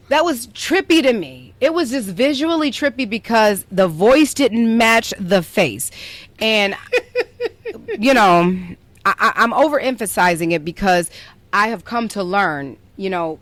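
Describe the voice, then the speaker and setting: In a recording without any room sound, a young adult woman with a mid-range voice hosts a podcast. She chats playfully and tells a story, using "like" again and again.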